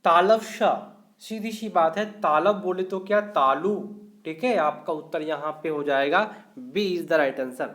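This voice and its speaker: A man teaching a live online grammar class, going through each question slowly and explaining every answer step by step. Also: a little high, fairly bright tone. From India.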